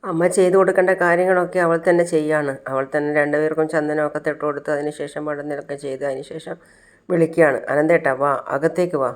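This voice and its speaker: A man's voice: on the high side, level tone. A man hosting his own channel, retelling a TV serial episode and acting out the quotes. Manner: fast retelling with acted-out quotes. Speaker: channel host.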